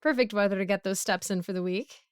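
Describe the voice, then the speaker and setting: Putting on a falsely cheery mood, a woman voices a chatty, bumbling, broke supervillain neighbor, pleading and making excuses in an awkward ramble for a casual audio roleplay. She talks fast in a smooth, mid-range voice close to her everyday one, captured in the studio without echo.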